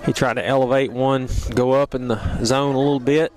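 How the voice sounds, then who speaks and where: A man's voice: mid-range voice, fairly quick, low-quality recording. A man giving casual, rambling play-by-play commentary on a school baseball game, openly rooting for his team. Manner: relaxed, rambling, partisan for the home team. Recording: crowd noise at an outdoor ballpark.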